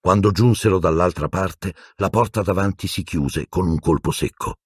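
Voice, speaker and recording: A man reading an audiobook with expressive storytelling. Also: low-pitched, normal speed, breathy edge, dry recording, studio quality. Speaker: audiobook narrator.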